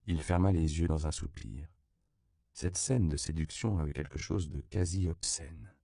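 Gravelly, deep-voiced male audiobook narrator. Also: moderate pace, warm tone, dry recording, studio quality. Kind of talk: scripted narration.

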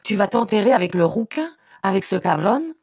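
A woman voicing a hot-tempered young man who shouts and sneers vulgar insults at his family, in a dark, gravelly voice. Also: mid-range voice, very animated, moderate pace, no room sound, studio quality, pitched above the performer's own voice. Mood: furious shouting.

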